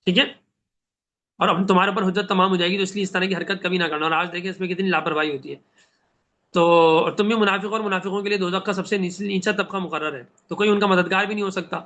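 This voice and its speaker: A man teaching a Quran translation class, reciting Arabic verses slowly and then explaining them with questions he answers himself. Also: high-pitched, fairly even intonation, sharp tone.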